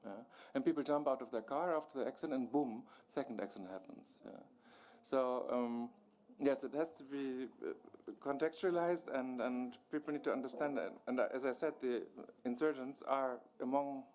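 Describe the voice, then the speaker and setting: A man's voice: medium pitch, normal speed, darkish tone. A man answering questions on a panel, explaining at length with many restarts and fillers.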